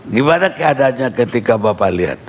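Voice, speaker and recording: A man's voice: mid-range voice, expressive, a little fast, a little hiss or hum. Brief-questioning Indonesian male interviewer. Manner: short prompting questions. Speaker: talk show interviewer.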